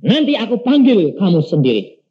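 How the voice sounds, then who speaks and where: A man voicing God, calm and commanding. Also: sits high, moderate pace. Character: God, a patient, commanding divine voice. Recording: dull lo-fi recording.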